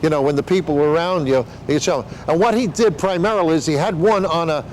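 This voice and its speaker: A man's voice: a little high, quick pace, darkish tone, slight background noise, rough recording. An older man explaining things in a casual interview, with rambling showman patter and joking asides. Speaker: veteran sideshow talker explaining flea circus.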